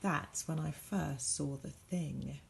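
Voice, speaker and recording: Here a woman with a low, gravelly voice reads a storybook to children in a teacher's style. She shifts her emphasis dramatically and pauses with intent.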